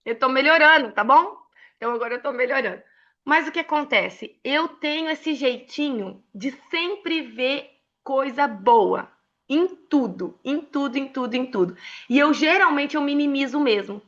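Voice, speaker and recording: Bright-voiced Brazilian woman, emotional storyteller. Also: high voice, normal speed, muffled recording. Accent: Brazilian Portuguese. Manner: emotional and expressive, laughs often. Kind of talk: casual mentoring talk with personal stories.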